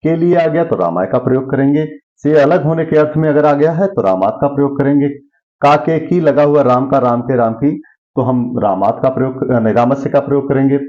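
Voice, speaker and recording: A man's voice: medium pitch, a little fast, a little mellow, highs cut off. Man teaching Sanskrit grammar, quizzing aloud. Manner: asks questions and answers them himself. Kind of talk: classroom lesson.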